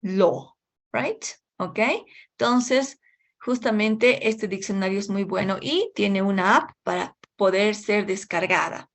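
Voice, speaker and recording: A woman teaching an English class at an unhurried, slow pace. She checks in with her students every few phrases and drops English words into her explanations. Her voice sits at a middle pitch. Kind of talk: online class lecture.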